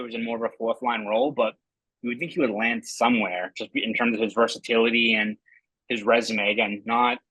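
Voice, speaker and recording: A man's voice: medium pitch, pushed and bright, breathy edge, no echo, low-quality recording. A young man with a Boston accent co-hosting a casual sports podcast, laying out his points at length and checking in with "right?". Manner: talkative, builds points with asides and "right?". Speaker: podcast co-host.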